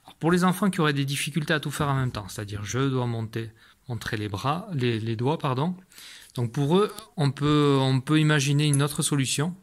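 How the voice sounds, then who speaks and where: A man's voice: medium pitch, fairly quick. A man, a primary school teacher, patiently explaining a homework routine to parents from his classroom, with many fillers and restarts.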